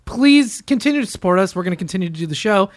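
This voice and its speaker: A man hosting a casual podcast, upbeat and animated as he welcomes listeners and sets up topics. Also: sits high, quick pace. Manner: upbeat, animated promo delivery. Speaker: podcast host.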